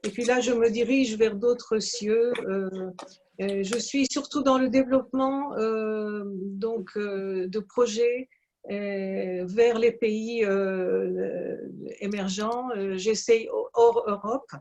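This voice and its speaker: A woman of Franco-Belgian and Iranian origin, a business owner, speaking haltingly in an online meeting with many fillers. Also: mid-range voice, steady tone, a little mellow.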